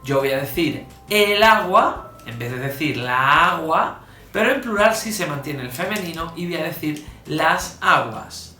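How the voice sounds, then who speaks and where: A man teaching a grammar lesson, slowing down and stressing each example and checking in with "¿vale?". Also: a little high, lively intonation, sharp tone. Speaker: Spanish teacher. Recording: echoey room with faint music.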